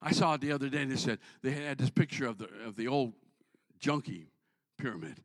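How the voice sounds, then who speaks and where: A man preaching a sermon to his congregation, joking with them and building up to shouts. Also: mid-range voice, animated, fairly quick, dry recording, studio quality. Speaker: pastor.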